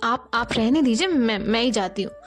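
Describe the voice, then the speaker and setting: A woman's voice: a little high, animated, normal speed, lightly acted. A woman voicing an impulsive young female student who stammers when caught out, in a storybook reading. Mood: flustered. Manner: flustered, stammering.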